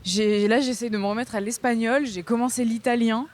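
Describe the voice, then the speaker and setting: A woman's voice: on the high side, fairly even intonation, a little fast. A young woman co-hosting a podcast, chatting casually outdoors in the wind, laughing often and trailing off with fillers. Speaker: podcast co-host. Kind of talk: casual chat. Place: outdoors by a river, windy.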